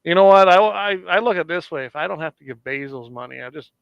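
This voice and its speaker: A man's voice: on the high side, animated, quick pace, creaky, clear, resonant tone, dry recording, dull audio. A man co-hosting a podcast in casual chat, rambling and chuckling often. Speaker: podcast co-host.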